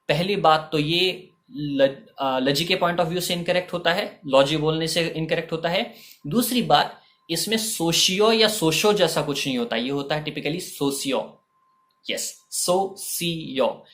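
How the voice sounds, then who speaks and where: A man with an Indian accent teaching vocabulary, slowly drawing out each word and repeating it, with "ok" between points. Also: a little high, a bit bright. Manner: slow, drawn-out spelling of each word. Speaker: language teacher. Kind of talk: bilingual vocabulary lesson.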